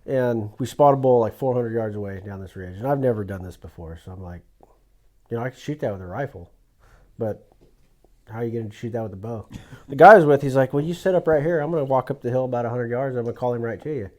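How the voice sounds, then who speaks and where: Animated male storyteller on a podcast. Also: mid-range voice, fast. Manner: animated storyteller, acts out quoted lines. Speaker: guest telling hunting stories. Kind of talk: casual podcast chat.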